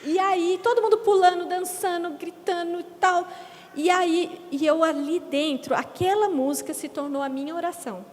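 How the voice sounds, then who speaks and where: A middle-aged woman giving a lively church testimony, acting out the words of others as she tells her story. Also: very high-pitched, normal speed. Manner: lively storyteller, acts out quotes, laughs often. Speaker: guest speaker giving testimony. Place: church sanctuary stage. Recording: echoey church hall.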